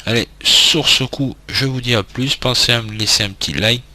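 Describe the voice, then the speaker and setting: A man's voice: medium pitch, moderate pace, sharp tone. A man casually commenting on his gameplay, with informal, muttered reactions. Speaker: gameplay video creator. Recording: noisy, game audio behind. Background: game sound and ambience.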